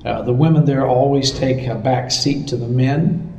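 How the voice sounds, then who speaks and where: A man with an American accent giving halting, conversational answers in an interview as a missions director. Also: mid-range voice. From United States. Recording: roomy echo, distant mic, faint noise.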